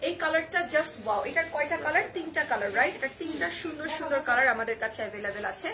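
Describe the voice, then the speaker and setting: A young woman with a Bangladeshi Bengali accent and a hoarse voice, chatting on a live-stream sales pitch and reading viewer comments aloud and answering them. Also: expressive, fast, crowd noise. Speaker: online boutique live seller.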